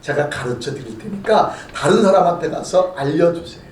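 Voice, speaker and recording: Korean pastor preaching dramatically in a church. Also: male voice, fairly high pitch, expressive, normal speed, recorded from a distance. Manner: dramatic preaching, acting out scripture voices, bursts of shouting. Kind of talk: sermon. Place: church sanctuary. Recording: roomy church sound from off mic.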